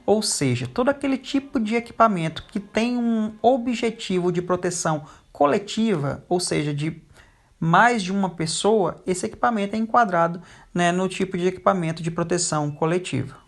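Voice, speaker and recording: A teacher giving a recorded lecture over slides, pausing often with fillers. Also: medium pitch. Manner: frequent hesitation fillers.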